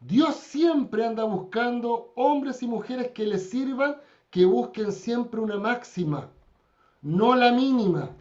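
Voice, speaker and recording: Guy teaching a church class, high voice, tells stories and acts out the people, dull lo-fi recording. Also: takes it slowly, warm tone. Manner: storytelling, acts out quoted people with raised voice.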